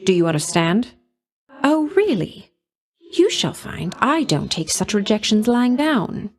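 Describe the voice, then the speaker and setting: A woman with a medium-pitched, sing-song voice speaks at a measured pace, playing a flirtatious, vain and jealous goddess of love in a video game. Her coquettish, condescending endearments hide a veiled threat, and she sounds jealous and menacing.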